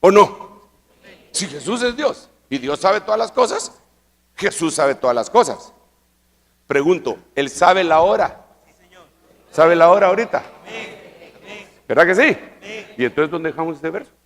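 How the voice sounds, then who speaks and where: A man preaching a sermon at a church convention, arguing with rhetorical questions and repetition, and building up to drawn-out shouts. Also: a little high, lively intonation, creaky. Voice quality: rises to loud, drawn-out shouting for emphasis. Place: large church convention hall. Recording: long reverb of a large hall.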